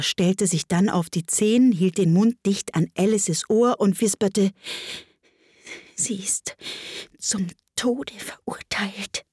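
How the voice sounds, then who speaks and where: A woman narrating a classic tale as an expressive audiobook reading. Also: on the low side, husky, no room sound, clean studio sound. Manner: expressive storytelling.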